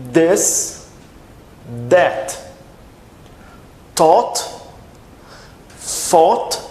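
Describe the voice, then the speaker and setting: A man from Brazil teaching English pronunciation, repeating each word slowly and checking in with his students after every few words. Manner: slow, repeats words for drilling, frequent "tá?" and "ok?" checks. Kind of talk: pronunciation lesson. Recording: echoey room with faint rumble.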